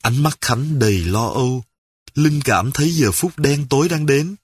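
A man narrating a crime story in a measured, even storytelling manner. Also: medium pitch, breathy edge, no room sound. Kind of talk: audiobook narration.

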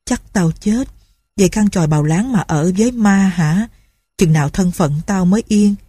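A woman's voice: mid-range voice, moderate pace, warm tone, breathy edge, no room sound, natural voice. A woman voicing a fearful, bitter old peasant man who laments his fate. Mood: lamenting.

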